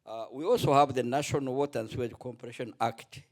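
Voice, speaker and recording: A middle-aged man giving a spontaneous remark at a conference panel, halting and restarting often. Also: medium pitch. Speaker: panel contributor, former legislator.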